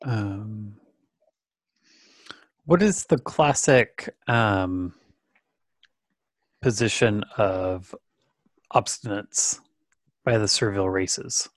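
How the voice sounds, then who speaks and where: A man's voice: on the low side, very slow, long pauses, dry recording. A man playing in a tabletop game, chatting casually and hesitantly with many fillers. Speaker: player.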